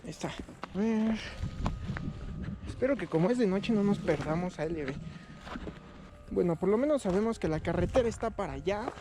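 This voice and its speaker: Hombre mexicano de voz muy aguda. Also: male voice, sits high, lively intonation, normal speed, long pauses, background noise. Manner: slangy, exclamatory, chatty. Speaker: vlogger. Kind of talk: casual outdoor night exploration vlog. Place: outdoors in a forest at night. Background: music.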